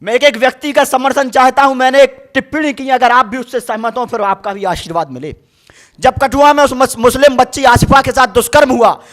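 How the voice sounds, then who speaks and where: A man's voice: very high voice, a bit bright. A young man reciting poetry on a university stage, impassioned and chanting his verses with rising force. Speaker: poet.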